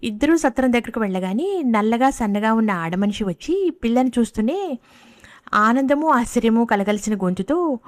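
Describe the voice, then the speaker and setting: A woman narrating a story in a measured, even reading. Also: fairly high pitch, no echo, clean studio sound.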